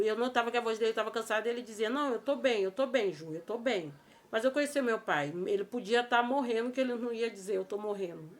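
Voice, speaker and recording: Brazilian woman vlogger, higher-pitched voice, emotional and halting, repeats herself. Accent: Brazilian Portuguese. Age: adult with a child. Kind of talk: personal storytelling vlog.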